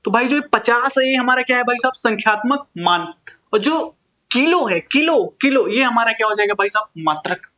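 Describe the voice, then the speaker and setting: High-voiced male teacher, questioning himself. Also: lively intonation, brisk, pushed and bright. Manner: asks questions and answers them himself, often says "bhai sahab". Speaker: physics teacher. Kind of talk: casual classroom lesson.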